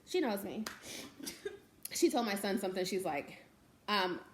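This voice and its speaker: A woman's voice: medium pitch, very animated, a little slow. Heartfelt mother talking, echoey room. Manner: tearful, laughing, heartfelt. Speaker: host, mother. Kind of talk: emotional casual talk. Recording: echoey room, faint noise.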